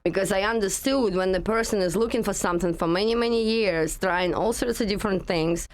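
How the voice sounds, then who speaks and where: A woman from Russia with a Russian accent, a guest in a casual interview, talking in a halting way with many fillers. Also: mid-range voice. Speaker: guest, energy practitioner.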